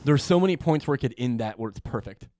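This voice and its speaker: A man's voice: medium pitch, expressive, quick pace, warm tone, no echo. Easygoing young man, podcast co-host. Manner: easygoing, laughs often, frank. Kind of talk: casual chat.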